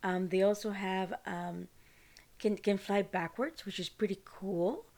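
A Costa Rican podcast host talks alone in a chatty, rambling, informal monologue. Her medium-pitched voice is steady and darkish, moving at a measured pace.

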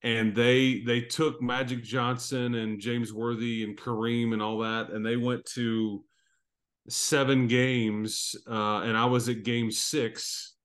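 A man's voice: mid-range voice, flat delivery, slow pace, a bit bright. A man in his fifties hosting a sports podcast, telling long, rambling stories about old games. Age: 50s. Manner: rambling, reminiscing storyteller. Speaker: podcast host. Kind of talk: casual sports podcast chat.

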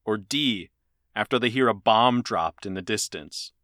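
Male podcast co-host, bright tone, dry close sound, jokey and laughing. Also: fairly low pitch, a little slow, dry recording. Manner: laughs often, jokey and rambling. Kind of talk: casual chat.

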